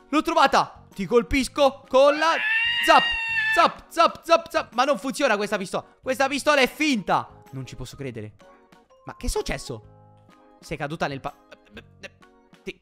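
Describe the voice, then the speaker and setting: A young man hosting a gaming channel, giving playful gameplay commentary with excited exclamations, repeated phrases and frequent stumbles. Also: on the high side. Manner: animated, exclaiming, often stammering and repeating. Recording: faint background music.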